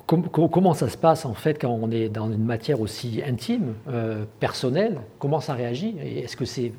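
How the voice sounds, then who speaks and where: A man's voice: medium pitch, animated, moderate pace, mellow, husky. A man interviewing an author, asking hesitant questions full of fillers. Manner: hesitant, many "euh"s.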